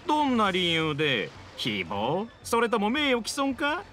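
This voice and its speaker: In dramatic Japanese video game voice acting, a man plays a pushy, smug middle-aged male reporter. His high-sitting, heavily acted voice moves at a measured pace, sliding from oily flattery into sneering scorn. Slight background noise is present.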